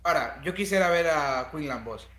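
A man's voice: fairly high pitch, animated, normal speed, roomy sound, crowd noise. A man, co-hosting a casual podcast chat in a laid-back, slangy way. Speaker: podcast co-host.

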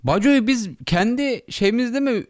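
A man's voice: very high-pitched, expressive, a little slow, no room sound, clean studio sound. A young man co-hosting a casual podcast chat, playful and egging his friend on. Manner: playful, eggs the other on. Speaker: podcast co-host.

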